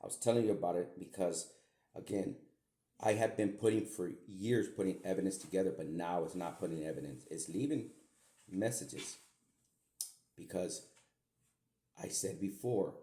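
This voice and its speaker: Speaking at a normal speed with frequent pauses, a middle-aged man uses a low, warm voice to deliver a rambling spoken message to his daughter. He hosts a podcast, says he is a medium, repeats himself and swears mildly; the room echoes.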